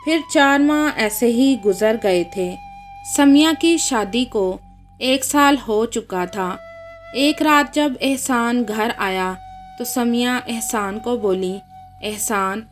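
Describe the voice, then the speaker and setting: A woman narrating a scripted family story in a measured, storybook manner. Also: on the high side, faint music behind. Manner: slow, measured storybook reading.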